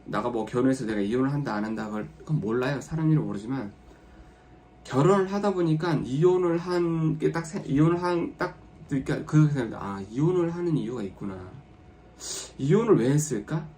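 A man's voice: a little high, fairly quick, mellow, slight background noise. A man hosting a live stream, talking to viewers in a casual, rambling way with many restarts and fillers, and acting out what spouses say. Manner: acts out spouses' lines in a raised voice.

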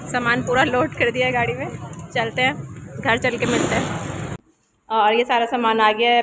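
Brief: Pakistani woman vlogger in her thirties, bright higher voice, chatty, noisy outdoor phone sound. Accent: Pakistani Urdu. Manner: chatty, asks prices and comments on goods. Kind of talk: casual vlog narration. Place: outdoor market, then home room. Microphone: phone camera.

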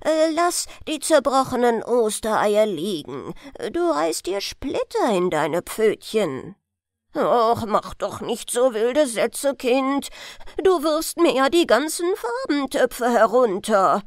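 A woman voicing a grumpy old grandfather hare who scolds loudly in a bedtime storybook. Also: a little high, very animated, slow, no room sound, studio quality, full character voice. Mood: scolding. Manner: stern, loud scolding grumble.

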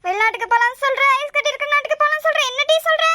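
A woman's voice: very high voice, animated, fast, pushed and bright, no room sound, full character voice. A woman voicing a bossy, scolding older mother-in-law in a cartoon. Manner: scolding, nagging. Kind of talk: cartoon voice acting.

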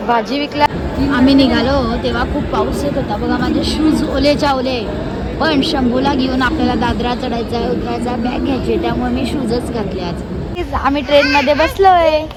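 Woman vlogger, high voice, chatty travel diary over a busy crowd. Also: moderate pace. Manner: chatty, addresses viewers directly. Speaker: family vlogger. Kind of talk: casual travel vlog. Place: train and railway station. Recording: crowd and traffic noise behind. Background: bustling crowd and vehicle noise.

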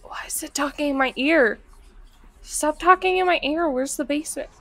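Young female streamer, casual horror game chat, giggly and reactive, high voice with some creak. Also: moderate pace, a bit bright. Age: young adult. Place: small indoor room at home, streaming setup. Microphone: microphone on a boom arm, close.

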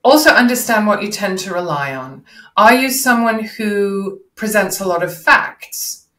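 Speaking a little slowly in an expressive, sharp-toned medium voice, a middle-aged woman gives instructive public speaking advice as an interview guest. She uses rhetorical questions and examples. The video call comes from an echoey indoor room, and no headset is seen.

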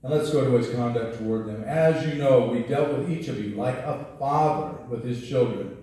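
A man's voice: medium pitch, normal speed, warm tone. A middle-aged man preaching a sermon from a pulpit, talking conversationally with frequent restarts, on a headset mic. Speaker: pastor. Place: church sanctuary at a pulpit. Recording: roomy church echo, distant mic.

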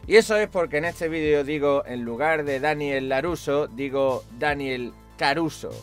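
A man's voice: fairly high pitch, normal speed, clear, resonant tone, faint music behind. A man hosting a casual vlog, answering viewer comments with sarcasm. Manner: sarcastic, mocking voices of commenters. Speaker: video host answering comments.

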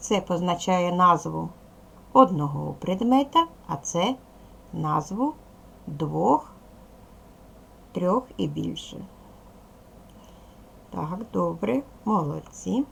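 A woman teaching a video language lesson to young children, patient and slow, asking questions and waiting for answers. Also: lowish voice, vocal fry, breathy edge. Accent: Ukrainian. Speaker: primary school teacher.

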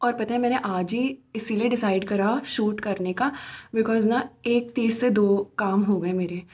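A young woman with a medium-pitched, darkish voice chats to camera for her vlog at a slightly slow pace, weaving English phrases into her speech.

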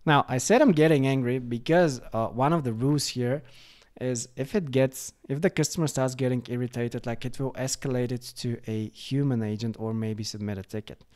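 A man casually walking through a software demo, chatty and full of fillers like "like" and "uh". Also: medium pitch, normal speed. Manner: chatty, lots of fillers, reads chatbot replies aloud. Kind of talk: casual screen-recorded product walkthrough.

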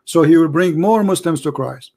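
Man, call-in host, fervent preaching, tired fading voice, broken grammar, slightly high pitch. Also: normal speed, dark tone. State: losing his voice. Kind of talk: live call-in religious debate.

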